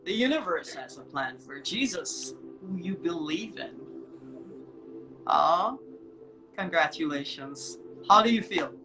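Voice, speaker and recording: Her voice is fairly low and lively in intonation, and she talks slowly while hosting a casual live online show. Over music and poor audio, she piles on enthusiastic encouragement and keeps repeating herself.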